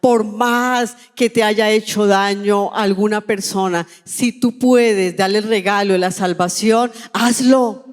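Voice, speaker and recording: A woman's voice: mid-range voice, fairly even intonation, unhurried, hardly any pauses, clean tone. A woman pastor with a Colombian accent preaching a sermon as personal testimony, telling her story with emotion and acting out the dialogue. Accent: Colombian Spanish. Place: large church hall. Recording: long church-hall reverb.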